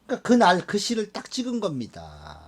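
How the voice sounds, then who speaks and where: A man teaching a class of students, animated and often checking that they follow along. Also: high voice, a little fast, husky. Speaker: fortune-telling teacher. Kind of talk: classroom lecture.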